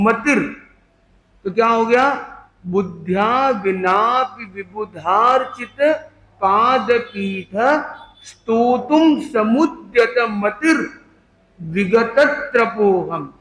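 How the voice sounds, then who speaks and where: A man teaching a workshop class, slowly breaking sounds into syllables and asking the listeners questions. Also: very high-pitched, fairly bright tone. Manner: slow, syllable by syllable, quizzing the class. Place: workshop room with an audience. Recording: echoey room.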